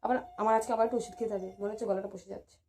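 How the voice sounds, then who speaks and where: A woman's voice: medium pitch, steady tone, very fast, darkish tone, a little hiss or hum. A woman in casual home chat, coaxing and teasing, repeating her requests. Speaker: wife.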